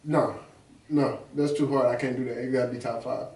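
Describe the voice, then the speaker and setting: A man's voice: medium pitch, fairly even intonation, fairly quick, a little mellow. A man hosting a casual talk show, chatting in loose slang with plenty of swearing. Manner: slangy, profane banter. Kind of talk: casual chat. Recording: roomy echo, distant mic.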